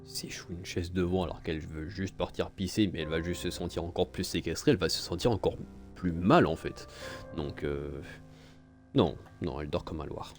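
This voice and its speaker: A man's voice: sits low, moderate pace, soft background music. A man playing a video game on stream, reading its story text aloud and adding casual, crude asides. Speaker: let's play streamer.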